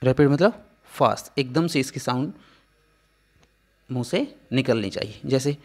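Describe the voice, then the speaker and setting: Slow-speaking male teacher. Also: medium pitch, breathy edge. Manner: slow, explaining patiently step by step. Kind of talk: phonetics lesson.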